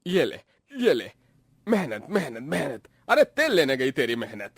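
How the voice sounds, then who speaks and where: A man acting out a drunken village husband in a storybook cartoon. He taunts and threatens in a high, slow drawl, with a dry, close sound. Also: dry recording, natural voice. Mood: taunting.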